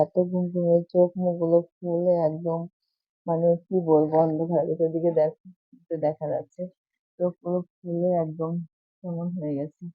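A woman, hoarse from a cold, chatting in a rambling, repetitive way to her viewers in a casual morning vlog. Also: lowish voice, no room sound. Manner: rambling, repetitive, keeps asking viewers if they follow. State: hoarse from a cold and sore throat. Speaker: vlogger. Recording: tinny phone-like audio.

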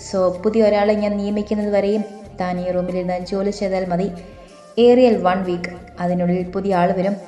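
A woman's voice: mid-range voice, steady tone, normal speed, dark tone, reverberant, faint music behind, natural voice. A woman doing a teasing, domineering young boss. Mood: bossy. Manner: commanding, mocking.

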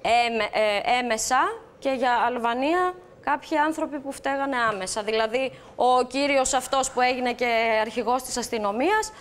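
Hesitant woman guest with a high voice. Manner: halting, hesitant, with restarts. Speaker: victim's sister, studio guest. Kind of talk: talk-show guest account.

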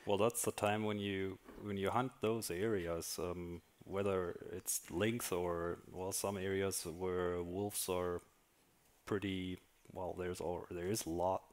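A man speaking as a panelist on a conference stage, measured and matter-of-fact. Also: sits low. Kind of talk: panel discussion contribution. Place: conference hall stage, indoors.

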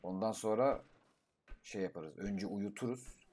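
A young man giving casual gameplay commentary, talking to himself, swearing and breaking into excited outbursts. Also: lowish voice, a little slow, slightly rough. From Turkey. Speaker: gaming YouTuber.

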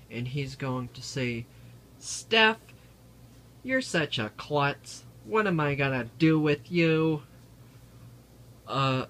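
Slow deadpan man vlogging. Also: mid-range voice, a little hiss or hum, low-quality recording. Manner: deadpan, halting, with many ums. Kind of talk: deadpan comic vlog monologue.

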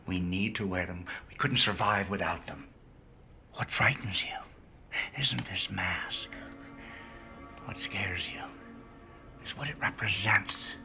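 An older man acting in a film clip, speaking slowly and softly with a philosophical, ominous manner, music under him. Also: low-pitched, creaky, exaggerated voice. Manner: slow, hushed, philosophical. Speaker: doctor in a film. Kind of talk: film dialogue.

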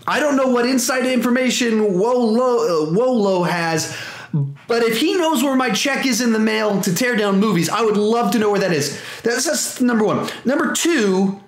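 High-voiced sarcastic man reading in a roomy space. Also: lively intonation, moderate pace. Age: 30s. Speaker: movie review vlogger. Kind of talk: casual chat to camera, reading out comments. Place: indoor room with painted walls, seated. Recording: roomy, echoing indoor room.

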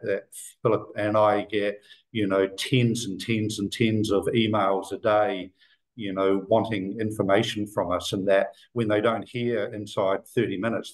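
An older man from New Zealand, speaking with a lowish voice as a guest on a video call. He rambles in an easy conversational way, full of fillers, restarts and small detours. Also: poor audio. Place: office room indoors.

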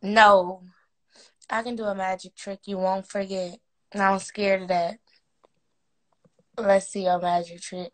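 A woman's voice: medium pitch, level tone, measured pace, pauses often. A young woman casually chatting and laughing with viewers on a phone live stream, teasing and playful. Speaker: livestream host.

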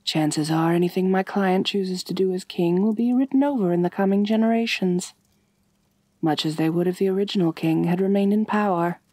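Lightly acted, this intimate ASMR roleplay has a woman as a wealthy vampire mistress of great age who dotes on the listener while gently dominating, her manner genteel and measured. She sounds poised and matter-of-fact in a soft, breathy, lowish voice, recorded without any room sound.

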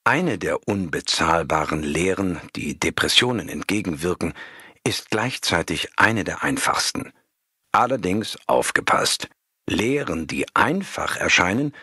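A man reading a spiritual book aloud as scripted narration, calm and measured, with a husky voice. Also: deep voice, no room sound, studio quality. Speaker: audiobook reader.

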